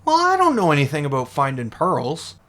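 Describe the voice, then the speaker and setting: A man voicing a grumpy orc cursed into an oyster, gruff and indignant. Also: fairly high pitch, huge pitch swings, a little fast, fairly bright tone.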